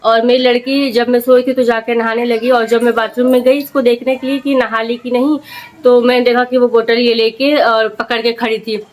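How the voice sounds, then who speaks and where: A woman's voice: a little high, normal speed. Chatty young mother vlogging. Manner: chatty, animated storytelling with many fillers. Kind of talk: casual vlog chat.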